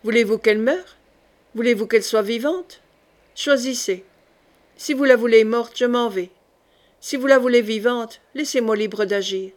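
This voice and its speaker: A woman's voice: on the high side, normal speed, lightly acted. Woman reading a stern male sorcerer. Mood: commanding. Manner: authoritative, grave.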